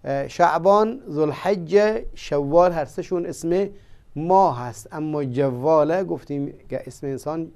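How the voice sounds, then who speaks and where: A man teaching vocabulary in a language lesson, explaining slowly with many pauses and fillers. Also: on the high side, a little mellow. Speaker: Arabic teacher. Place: studio.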